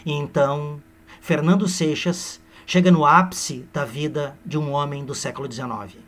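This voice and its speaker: A man teaching literature by retelling a novel as a lively lecture, with humorous, playful asides to his listeners. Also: a little high, moderate pace.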